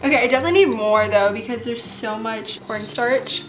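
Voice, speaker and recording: A late-teen woman hosting a slime craft channel chats casually through a DIY tutorial, guiding viewers through a homemade craft. Her fairly high, a bit bright voice is brisk and slightly lisping from her braces. Music plays behind her, and the recording is rough.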